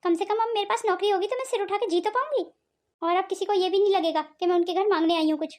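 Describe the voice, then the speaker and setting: A woman doing the voices of several family members in an animated family drama, talking quickly and with feeling. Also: very high-pitched. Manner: quick, emotional dialogue. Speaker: voice actor for several family characters.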